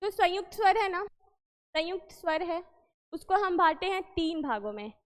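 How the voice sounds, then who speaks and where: High-voiced woman teaching in a reverberant hall. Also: very animated, normal speed. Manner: explains patiently, repeats and quizzes the listener. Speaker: Hindi teacher. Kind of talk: exam-prep lesson.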